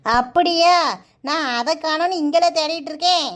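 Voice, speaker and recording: A woman voicing a shrill fussy village mother. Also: normal speed, a bit bright. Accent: Kanyakumari Tamil.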